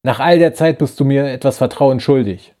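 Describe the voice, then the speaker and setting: A man's voice: mid-range voice, moderate pace, mellow, close to an everyday voice. A man voicing a bitter rebel who betrayed his old friend, talking in an urgent, reproachful way in a science-fiction audiobook. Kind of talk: audiobook character voice.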